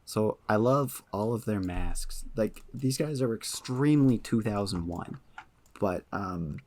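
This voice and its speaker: Low-voiced rambling podcast man. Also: lively intonation, measured pace, a little mellow. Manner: rambling, many ums, enthusiastic. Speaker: podcast host. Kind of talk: casual chat.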